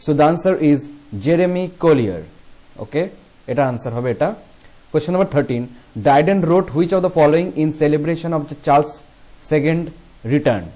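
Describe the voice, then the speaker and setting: A young man with a Bengali accent goes through an exam question bank as a teacher. His voice sits a little high, and he reads each question out slowly. He then explains the answer in quick bursts, switching between Bengali and English. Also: dark tone.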